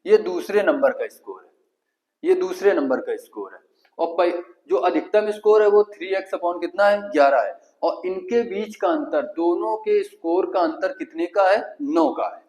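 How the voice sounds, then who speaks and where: A man's voice: sits high, a little mellow, rough recording. A man with a Kanpuri Hindi accent teaching an exam-prep math lesson, asking the class questions and answering them himself step by step.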